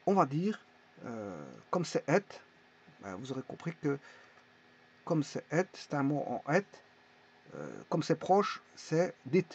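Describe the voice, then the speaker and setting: Husky man teaching haltingly. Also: fairly high pitch, very animated, darkish tone. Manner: halting, many fillers and restarts. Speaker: language teacher. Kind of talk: casual explanatory lesson. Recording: dull lo-fi recording.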